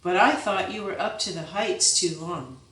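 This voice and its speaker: A woman's voice: fairly low pitch, normal speed, a bit bright, far from the mic, lightly acted. A stubborn, good-natured monk who ribs his friend one moment and shows him sympathy the next, as a woman reading the book gives him voice. The voice is set back from the mic in a roomy, echoing space. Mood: teasing. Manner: teasing, sympathetic.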